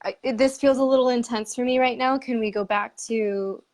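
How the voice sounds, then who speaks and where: A woman's voice: fairly high pitch, steady tone, normal speed, darkish tone. A woman hosting a conversational interview, speaking candidly with frequent laughs and fillers. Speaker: podcast host. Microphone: remote live stream.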